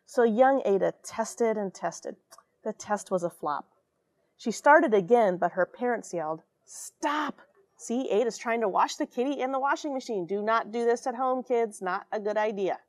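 A fairly high-pitched voice at a moderate pace, free of echo, belongs to an American astronaut in her forties. She reads a children's picture book expressively in a small, gear-packed space station airlock, with dramatic emphasis and friendly asides to young listeners.

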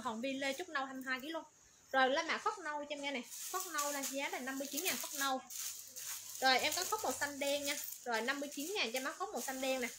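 A woman running a livestream clothing sale, rattling off colors, sizes and prices in quick, repetitive patter. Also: sits high. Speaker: online clothing seller. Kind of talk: livestream sales pitch. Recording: noisy background.

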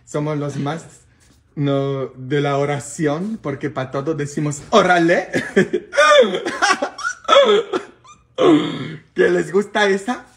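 A man with a Mexican accent, a priest chatting casually and loudly with his viewers, joking and excitable. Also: fairly high pitch, a little slow. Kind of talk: casual live video chat with viewers.

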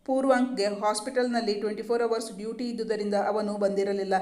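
A storyteller reading a romance novel in an even, measured narration. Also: mid-range voice, roomy sound.

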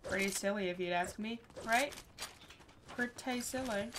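Unhurried and medium-pitched, a young Dutch woman from the Netherlands casually chats, laughs, and reads her stream chat aloud while playing a game, speaking with a Dutch accent. Background noise is clearly present.

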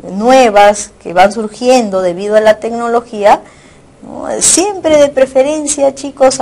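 A woman teacher speaks in a recorded lesson at an ordinary middle pitch. She explains step by step, restating each point in new words. She keeps checking in with her students through short tag questions. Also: a little mellow. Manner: repeats and rephrases points. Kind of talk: recorded online lecture.

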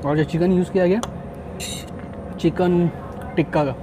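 A man's voice: high voice, fairly even intonation, measured pace, background noise. Chatty young man reviewing food on a rooftop. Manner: chatty, tastes and comments between bites. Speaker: food vlogger. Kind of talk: casual food review vlog. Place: rooftop restaurant, outdoors.

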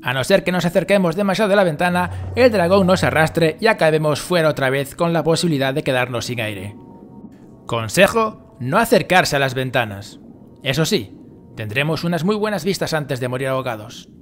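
A man from talks the listener through a game, step by step, with a dry joke now and then. His voice is fairly high and bright, recorded close on the mic. Faint game music plays under him. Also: moderate pace. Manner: relaxed, guiding the viewer step by step with jokes. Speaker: game video creator. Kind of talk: game walkthrough narration.

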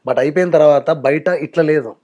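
A man's voice: on the high side, a little fast, mellow, highs cut off. A man, a mimicry artist talking frankly in a casual interview.

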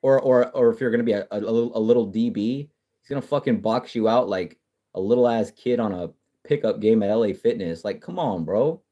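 Profane, excitable male livestream host. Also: on the low side, fairly quick. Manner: profane, excitable, trash-talking, frequent restarts. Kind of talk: casual live-stream chat reading comments.

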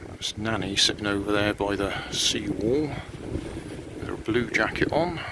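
Older man, low-pitched, casual rambling vlog commentary, windy seaside outdoors, strong wind noise on camera mic. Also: unhurried. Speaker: vlogger. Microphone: handheld camera microphone.

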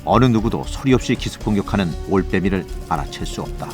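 A man narrating a scripted nature documentary in a measured, formal storytelling manner. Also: low voice, lively intonation. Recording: voice over background music. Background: music.

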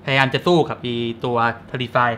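A man's voice: mid-range voice, steady tone, moderate pace, a bit bright, slight background noise. A young man co-hosting a casual film review, retelling the plot in crude slang. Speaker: movie review co-host. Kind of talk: casual profane film chat.

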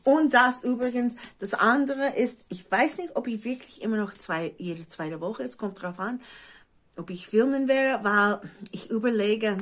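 A woman in her forties from the United States, a native English speaker with an American English accent in her German, chatting casually to camera and often pausing to search for words. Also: a little high, expressive. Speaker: craft vlogger. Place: living room at home, indoors.

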